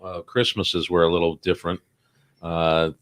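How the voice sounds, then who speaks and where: A man's voice: deep voice, little pitch movement, normal speed, clean tone. A man co-hosting a casual interview, chatty and joking, with plenty of fillers and restarts. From Salt Lake City, Utah. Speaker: podcast co-host.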